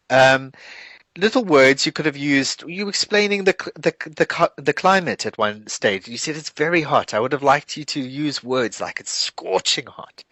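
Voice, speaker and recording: A man's voice: medium pitch, fairly bright tone, no echo. A man coaching students for a speaking test, giving feedback and explaining with examples. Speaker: English teacher.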